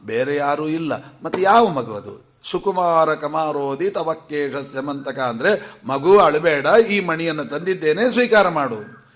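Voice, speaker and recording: A man's voice: a little high, a bit bright. A man with a Kannada accent giving a devotional scripture discourse, putting questions to his listeners and answering them himself, now and then chanting verses. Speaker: scripture lecturer.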